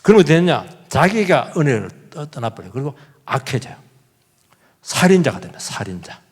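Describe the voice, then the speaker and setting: A man's voice: medium pitch, big pitch swings, fairly quick, husky. A man, a pastor, preaching a sermon, with rhetorical questions and acted-out quotes. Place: church sanctuary. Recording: long church hall reverb.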